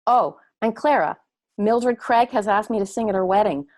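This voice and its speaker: An actress playing a gentle, starstruck grown daughter, defensive with her mother, in a period drama reading. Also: mid-range voice, moderate pace, natural voice. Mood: eager, hesitant.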